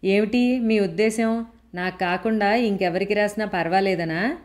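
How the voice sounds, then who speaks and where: At medium pitch and a slightly slow pace, a woman gives a lightly acted turn as a fiery middle-aged man-hater. She sounds sharp and indignant, her voice raised as she hurls accusations.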